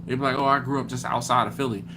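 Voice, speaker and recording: Talking rapid-fire in a mid-range voice, this Philly barbecue livestream host reads viewer comments and chats casually. Background noise is present, and he gets animated, playing out both sides of imagined conversations.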